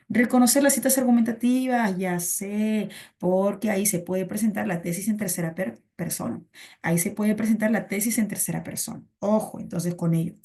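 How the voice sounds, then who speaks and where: A woman's voice: mid-range voice, dark tone. A woman teaching a pre-university reading class online, chatty and repeating her points to students. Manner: chatty, repeats phrases, calls students "chiqui".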